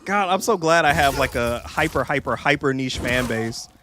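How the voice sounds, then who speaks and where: Bright-voiced, joking young male streamer. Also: mid-range voice, animated, normal speed, a little hiss or hum. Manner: jokey, profane, rambling, with mocking put-on voices. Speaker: game streamer. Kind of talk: casual gameplay streaming chat.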